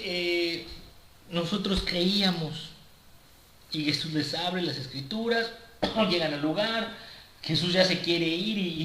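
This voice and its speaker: Halting preacher, echoey room. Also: male voice, sits high, a bit bright. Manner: halting, many repeated words and restarts. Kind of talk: sermon with personal testimony. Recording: echoey room with faint ambience.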